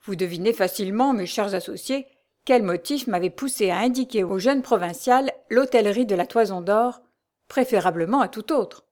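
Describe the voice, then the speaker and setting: A woman reading a classic novel aloud in a measured, even storytelling manner. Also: medium pitch. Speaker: audiobook reader.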